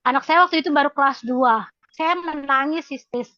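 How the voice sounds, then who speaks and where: A middle-aged woman giving an earnest, emotional testimony on a video call, halting with many fillers. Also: high voice. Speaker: congregation member sharing testimony. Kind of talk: casual spoken testimony. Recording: dull lo-fi video call audio.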